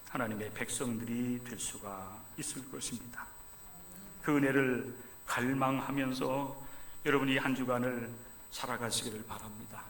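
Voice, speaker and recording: A man preaching a sermon as pastor during a church service, swinging from loud fervent pleading down to hushed, low lines. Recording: echoey church sanctuary.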